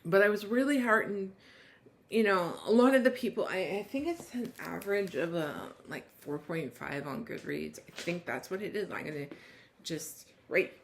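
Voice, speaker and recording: A woman's voice: mid-range voice, moderate pace, creaky, slight background noise. A woman reviewing a book, reading its blurb aloud and then chatting loosely with many restarts. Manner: rambling, many restarts and trailing thoughts. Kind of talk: casual book review chat.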